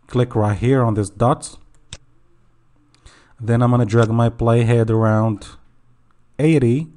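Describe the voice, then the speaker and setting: A young man hosting a software screen tutorial in a casual voice-over, often pausing with "okay" and correcting himself. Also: medium pitch, steady tone. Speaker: tutorial host.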